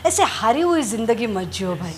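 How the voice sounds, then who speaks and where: A woman's voice: a little high, very animated, normal speed, darkish tone, slight background noise. A woman pastor preaching a sermon, telling stories and repeating phrases for emphasis with calls of hallelujah.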